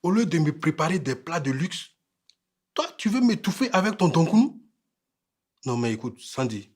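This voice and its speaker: An arrogant husband grown rich, his husky Burkinabè French voice unhurried and dismissive. He drawls his lines with a slow, lazy pace. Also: medium pitch. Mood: scornful. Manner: curt and scornful at home, polite on phone.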